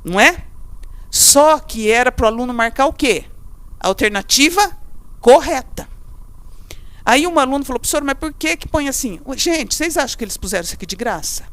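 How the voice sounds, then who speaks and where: A middle-aged Brazilian woman teaches a lively class in a fairly high voice. She talks chattily, keeps asking her students questions and acts out what they say. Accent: Brazilian Portuguese.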